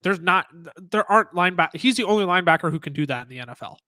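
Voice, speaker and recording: A man co-hosting a sports podcast, talking excitedly in casual chat with many restarts. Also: high voice, rapid-fire, no room sound. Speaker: podcast co-host.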